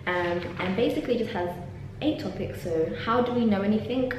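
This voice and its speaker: Speaking fairly quickly in a mid-range voice, a young woman from London chats animatedly to camera, dropping lots of ums and laughs. She's a PhD student making a casual vlog inside a university office lab. The camera starts on her desk and moves to a handheld selfie angle, and the very echoey space carries a faint hum.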